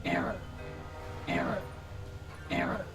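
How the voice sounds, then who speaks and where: A man's voice: slow pace, over loud music. An actor playing a malfunctioning male robot in a video game, with a glitching, whispery robotic voice and clipped status reports that fall into repeated error calls. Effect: glitching robotic voice, whispery and unvoiced.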